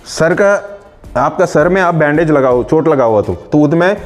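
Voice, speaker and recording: A man teaching English grammar in Hindi, explaining words slowly and reading out English example sentences. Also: on the high side, expressive, soft background music. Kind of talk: online spoken-English lesson in Hindi.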